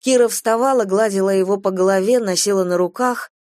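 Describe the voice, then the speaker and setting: A woman reads a dark story aloud in a measured, expressive narration with a dry, ironic edge. Her voice sits at a middle pitch for a woman. The recording is close and dry with no room sound. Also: dry recording. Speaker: audiobook narrator.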